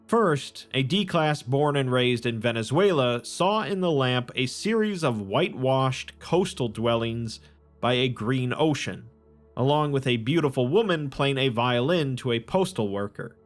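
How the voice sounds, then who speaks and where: A man giving scripted, measured narration of a strange tale. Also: medium pitch. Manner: measured, descriptive storytelling. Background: faint music.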